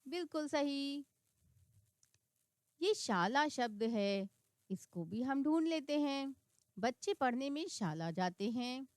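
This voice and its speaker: Woman teacher reading words out slow and clear for kids, high voice, dry sound. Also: no room sound. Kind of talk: reading lesson for children.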